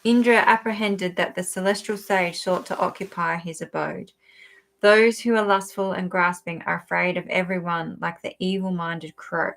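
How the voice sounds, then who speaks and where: A woman co-hosting a podcast, reading a sacred text aloud in a steady voice and pausing to stumble over unfamiliar words. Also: fairly low pitch, vocal fry. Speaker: podcast co-host.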